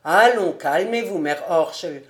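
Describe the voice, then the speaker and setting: Woman lowering her voice for a kind young gentleman. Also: lively intonation, a little slow, roomy sound. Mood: cheerful. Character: young male city gentleman, kind, cheerful.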